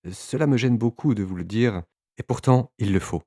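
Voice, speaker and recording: A man's voice: mid-range voice, moderate pace, mellow, no room sound, studio quality, close to an everyday voice. A man voicing a distressed hypnotized woman who stammers and pleads through tears. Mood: anxious.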